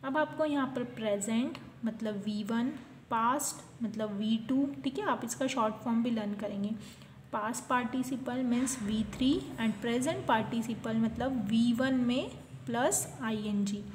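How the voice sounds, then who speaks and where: Slow, patient Indian woman teacher. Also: a little high, reverberant, slight background noise. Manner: slow, patient drilling of word lists with repeated "theek hai" checks. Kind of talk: English grammar lesson for young children.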